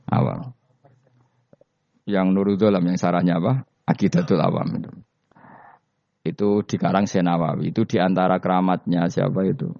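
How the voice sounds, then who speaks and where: Low-voiced preacher. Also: male voice, gravelly, dry recording. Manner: lively storyteller, asks the audience questions. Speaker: Islamic preacher. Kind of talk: religious lecture with storytelling. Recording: dull lo-fi dry recording.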